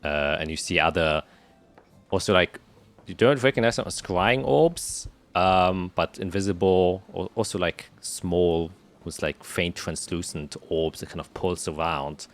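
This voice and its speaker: A man narrating as game master of a tabletop game, describing scenes with many pauses and fillers. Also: deep voice. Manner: hesitant, filler-heavy describing.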